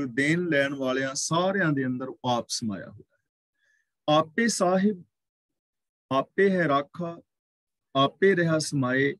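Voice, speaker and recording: A man with a somewhat high voice gives a scripture exposition, drawing out each verse line in a slow chant before explaining it. His cadence is measured and repetitive, like a patient teacher. The recording is dry and close, with no room sound. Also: no echo. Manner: chants scripture lines slowly, then explains.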